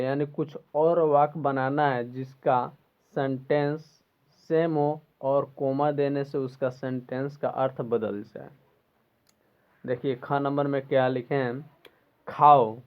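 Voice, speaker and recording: A man teaches a school lesson at an unhurried, deliberate pace, repeating each phrase so his students can follow. He clears his throat now and then as he talks. The sound is thin and tinny, like a phone line. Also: medium pitch. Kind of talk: explaining a school textbook lesson.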